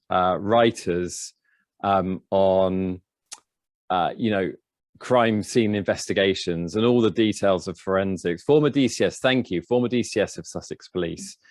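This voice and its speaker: A man with a low voice hosts a chat. His sound is close and dry, and he asks questions haltingly with many ums. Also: no room sound. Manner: hesitant, many fillers and restarts. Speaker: livestream host. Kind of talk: casual interview chat.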